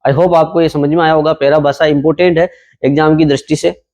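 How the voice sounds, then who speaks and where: Going over exam topics with a class, a young man talks conversationally, asking students questions and then answering them himself. His voice is fairly high and a little mellow, with a flat, brisk delivery.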